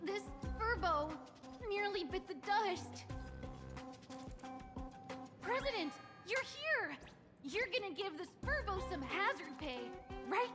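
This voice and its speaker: Brief: a tiny beeping Furbo critter, cheeky, high-pitched, game score behind. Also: female voice, sing-song, slow pace, pauses often, heavily acted. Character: chirpy small robot-like Furbo creature. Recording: reverberant game audio with music.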